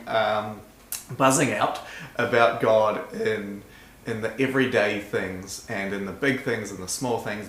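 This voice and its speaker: Low-voiced man hosting, echoey room. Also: a bit bright. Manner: hesitant, halting, encouraging. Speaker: host interviewing for a church. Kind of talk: casual interview talk. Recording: echoey room, faint background noise.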